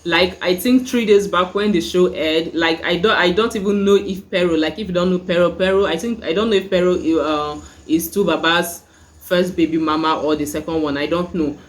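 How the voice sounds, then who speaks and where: A young Nigerian woman with a Nigerian accent chats casually in a review vlog as a YouTube reviewer, using lots of "like" and "you know." Her lowish voice keeps a fairly even intonation at a moderate pace.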